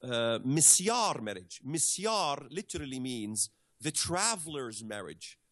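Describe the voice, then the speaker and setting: A man from the Middle East speaks at an ordinary, middling pitch as a guest explaining a subject in conversation. He pauses often, fills gaps with hesitant sounds and restarts his phrases. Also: big pitch swings, fairly bright tone. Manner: hesitant, many fillers and restarts. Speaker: guest commentator.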